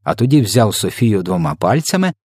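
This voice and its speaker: Expressive male audiobook narrator, dry sound. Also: on the low side, brisk, slightly rough, dry recording. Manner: lively, expressive storytelling.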